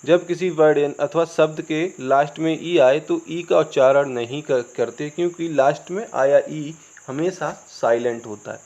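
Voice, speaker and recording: A man's voice: a little high, unhurried, few pauses, a little mellow. Indian man teaching English, dull lo-fi sound. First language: Hindi. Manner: spells words letter by letter, asks and answers his own questions. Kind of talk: classroom-style spoken lesson. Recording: dull lo-fi recording, crickets behind.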